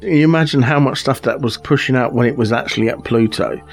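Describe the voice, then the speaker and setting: A man's voice: medium pitch, fast. Man chatting over music. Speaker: show host. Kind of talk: casual science news chat.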